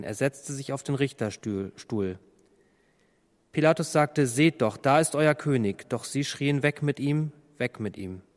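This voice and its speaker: Man, preacher, Bible reading and commentary, medium pitch, long hall reverb.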